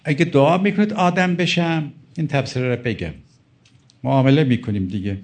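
With a mid-range, somewhat dark voice, a middle-aged male preacher gives a religious sermon, emphatically and pleadingly quoting Arabic texts and explaining them.

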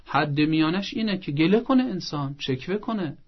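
On a talk show, a parenting expert guest gives advice in a husky, animated voice that sits on the high side, with the highs cut off. He lays out his points one by one like a teacher and acts out parents' lines in a soft, coaxing tone.

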